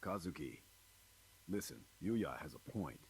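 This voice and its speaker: A man's voice: low-pitched, expressive, measured pace, poor audio. A man playing a stern, blunt tough guy in a video game dub.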